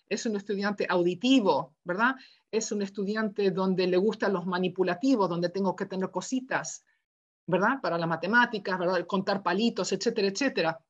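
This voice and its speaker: Woman, lecturer, conversational, asks "¿verdad?" often, muffled lo-fi sound. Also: mid-range voice. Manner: acts out quoted dialogue in her stories. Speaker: university education lecturer. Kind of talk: lecture given online.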